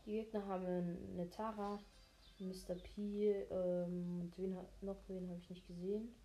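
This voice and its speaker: A woman giving casual, low-key, mildly grumbling commentary on her own gameplay. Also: little pitch movement, a little slow, warm tone, faint music behind. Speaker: gamer commentating own play.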